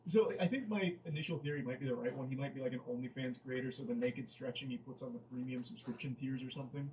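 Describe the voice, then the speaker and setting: A man's voice: mid-range voice, fairly even intonation, fast talker, a little mellow, recorded from a distance, a little hiss or hum, poor audio. A man giving comedic commentary on a dating app chat he reads out. He sounds incredulous and exasperated and swears freely.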